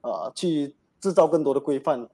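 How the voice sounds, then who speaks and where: A man's voice: fairly high pitch, normal speed, dark tone. A man hosting an advice show, talking casually with many fillers. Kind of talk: casual radio talk.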